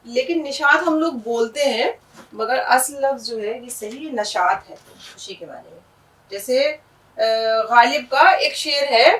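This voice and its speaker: With a high, fairly bright voice, a woman teaching Urdu patiently repeats each word after spelling it letter by letter. The echoey room and her distance from the mic give the recording a faraway quality.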